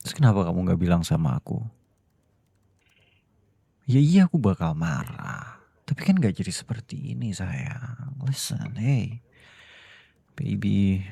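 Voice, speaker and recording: A man doing a deep, gravelly husband in whispered role-play. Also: no echo, full character voice. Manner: cold and scolding, then soft and pleading. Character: stern boss who is a doting husband. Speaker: voice actor.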